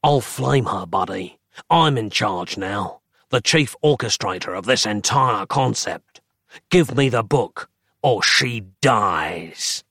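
A man voicing a charred, menacing male demon double with a rasping voice and slow, drawn-out threats. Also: fairly low pitch, lively intonation, fairly bright tone, no room sound, clean studio sound, heavily acted.

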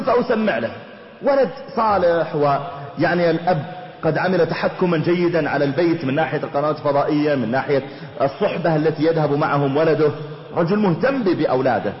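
A man preaching a sermon, telling stories in a lively way and voicing the people in them. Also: fairly high pitch. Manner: lively storytelling, voicing the people in his anecdotes. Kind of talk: storytelling sermon. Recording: echoey hall, dull lo-fi recording.

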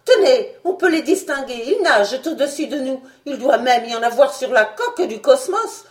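Bossy, excitable scientist read by a woman, pitched up and loud, barking urgent orders in a storybook reading. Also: moderate pace, reverberant. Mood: alarmed. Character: excitable male scientist, commanding and cool-headed.

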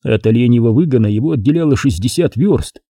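A man reading an audiobook in expressive scripted narration. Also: mid-range voice, fast, husky, dry recording, studio quality. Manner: expressive storytelling.

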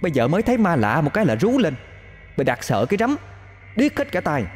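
A man voicing a vengeful female ghost in a told ghost story, speaking coldly, slowly and with scorn. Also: mid-range voice, animated, warm tone, in a large hall, faint music behind, pitched above the performer's own voice. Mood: irritated. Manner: cold, slow and mocking.

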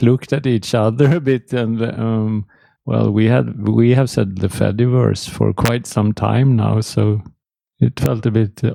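A man's voice: on the low side, creaky, warm tone, dry recording. A man with a Danish accent, a podcast guest whose first language is Danish, talking casually and hesitantly, searching for words. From Denmark. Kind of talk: casual chat.

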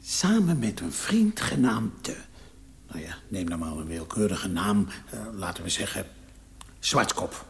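Halting scheming man in a radio play, gravelly, lowish voice. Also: big pitch swings, exaggerated voice. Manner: halting, with hesitations.

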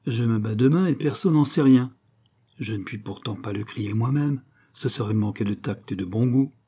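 A man's voice: mid-range voice, moderate pace, warm tone, breathy edge, lightly acted. A man reading the part of a brash, self-satisfied young dandy in an audiobook. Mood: amused.

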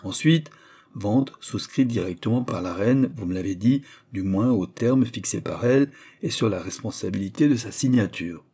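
A haughty older cardinal-prince speaks with lofty, imperious scorn, as a male reader puts him on. His voice sits low, dark and husky. The storybook delivery keeps his tone proud and commanding. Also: lively intonation, moderate pace.

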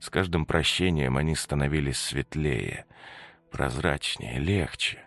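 A man reading a dark horror story as narrator, measured and dramatic, on a close mic. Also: a bass voice, no echo, soft background music.

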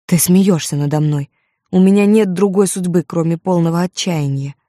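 A woman's voice: fairly low pitch, normal speed, warm tone, no room sound, clean studio sound, lightly acted. Woman voicing a bitter, despairing outlaw. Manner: bitter, indignant outbursts. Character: despairing, passionate grown male outlaw. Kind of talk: audiobook character voice.

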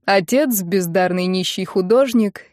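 A woman's voice: mid-range voice, normal speed, a little mellow, no echo, clean studio sound, lightly acted. A woman doing a sneering rich mother. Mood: mocking. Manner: mocking, sneering, commanding. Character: cold domineering wealthy middle-aged mother.

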